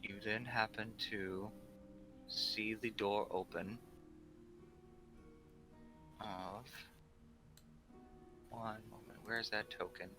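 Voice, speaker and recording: A man narrating a tabletop game as game master, improvising in a halting way as he searches for words. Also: on the low side, steady tone, vocal fry, over music.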